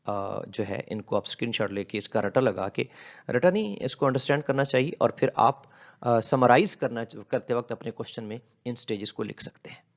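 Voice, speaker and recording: Lecturer, explanatory, slightly lo-fi. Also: male voice, medium pitch, vocal fry. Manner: mixes English terms into Urdu explanation; explanatory, asks and answers own questions. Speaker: linguistics lecturer. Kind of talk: recorded video lecture. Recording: slightly dull lo-fi audio.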